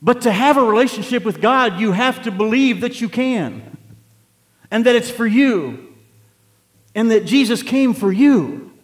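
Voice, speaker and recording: A man's voice: very high voice, animated, measured pace. Man of nearly sixty preaching in a reverberant church. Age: 50s. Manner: conversational, building to emphatic exhortation. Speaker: pastor. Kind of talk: sermon. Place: church sanctuary.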